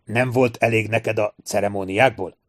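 Man doing a gruff scolding old man. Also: on the low side, steady tone, lightly acted. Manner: snorting, scolding.

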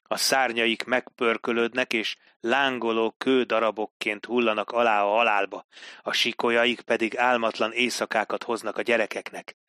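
A man's voice: mid-range voice, level tone, sharp tone, clean tone, no echo, clean studio sound, close to an everyday voice. A man voicing a fierce fortress commander in an audiobook, boastful and menacing.

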